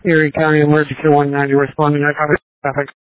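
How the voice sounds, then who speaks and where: A man's voice: on the high side, monotone, racing, dry recording. Man on a tinny two-way radio. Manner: clipped radio call-outs. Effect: tinny two-way emergency radio. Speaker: emergency unit crew member on radio. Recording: dry, phone-like radio band.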